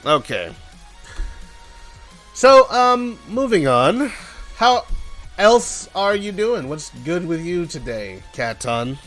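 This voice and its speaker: A high-pitched, very animated man talks slowly with long pauses, his tone a bit bright. He hosts a game developer's live stream over background music, casually joking, rambling and staging small imagined exchanges.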